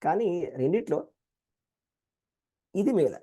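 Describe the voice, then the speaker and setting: A man with a Telugu accent teaching a scripture class, explaining verses in an animated way and acting out quoted voices. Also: high-pitched, slow pace, dull audio. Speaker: Gita teacher.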